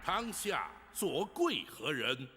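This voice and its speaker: An actor playing a stern, upright ancient magistrate holding court, declaiming in a slow, solemn manner. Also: male voice, fairly high pitch, very animated, pushed and bright, slight background noise, full character voice. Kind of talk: period TV drama acting. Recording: reverberant hall with music.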